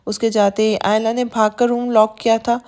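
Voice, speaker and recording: Woman reading a romance novel aloud, soft steady narration, kinda high voice. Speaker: audiobook narrator.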